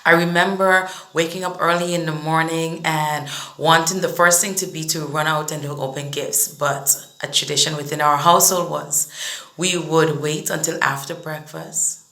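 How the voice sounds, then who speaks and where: Speaker from Saint Martin, gravelly, bright, echoey room, earnest. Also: medium pitch, steady tone, moderate pace. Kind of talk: reflective memory.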